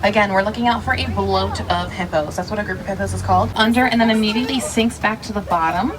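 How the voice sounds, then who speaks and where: A woman's voice: mid-range voice, fast, a crowd in the background. A woman working as a safari guide, giving instructive tour commentary to riders on a truck. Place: open safari truck outdoors. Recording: distant, loud truck engine noise. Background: vehicle noise.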